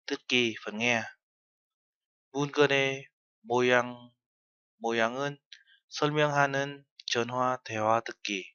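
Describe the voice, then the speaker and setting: Bright-voiced man teaching a lesson. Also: mid-range voice, no room sound, dull audio. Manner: explains step by step, mixing in Korean terms. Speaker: Korean language teacher. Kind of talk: lesson narration.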